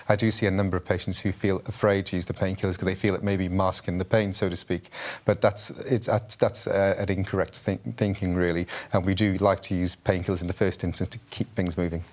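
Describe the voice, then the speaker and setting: Fast-talking low-voiced Welsh man. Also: level tone, darkish tone. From Wales. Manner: quick, with frequent repeated words and restarts. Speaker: orthopaedic spinal consultant. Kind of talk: studio interview guest. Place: TV studio. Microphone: lapel.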